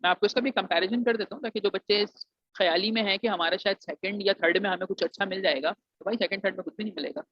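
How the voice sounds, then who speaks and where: This fast-talking Pakistani man has a high-sitting voice and a steady tone as he explains engineering admissions to students, calling them "beta" and mixing English into his Urdu. There's no room sound, and the audio is dull, dry and lo-fi.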